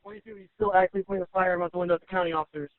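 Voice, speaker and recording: A man's voice: sits high, very fast, creaky, dry recording. A man working as a police officer in the field, giving terse reports over a police radio channel. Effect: police radio transmission. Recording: dry narrowband police radio.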